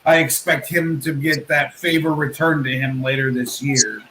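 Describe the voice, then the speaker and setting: A man's voice: medium pitch, fairly even intonation, moderate pace, sharp tone, reverberant, a little hiss or hum, low-quality recording. A man giving casual wrestling analysis as a podcast commentator.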